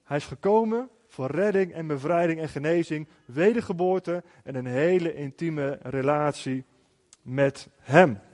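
A man's voice: fairly high pitch, unhurried, darkish tone, big-room sound. A man preaching a sermon as a pastor, telling a personal story in an earnest way with frequent restarts.

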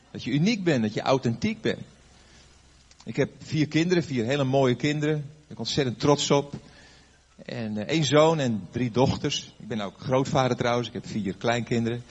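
Older male pastor with a husky voice, chatty storytelling sermon, dull lo-fi recording. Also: mid-range voice. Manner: conversational storytelling with fillers and questions to the audience. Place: before a live audience.

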